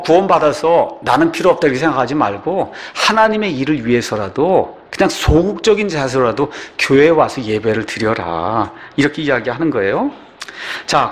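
An older man preaching a sermon as a pastor, often asking his listeners questions. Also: mid-range voice. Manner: animated, asks the congregation questions.

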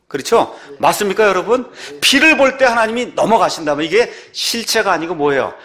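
A male pastor delivering a sermon in a fairly high voice that swings widely in pitch. He slows down to read scripture and keeps putting rhetorical questions to the congregation. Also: a bit bright. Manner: reads scripture slowly, rises and drops sharply in pitch.

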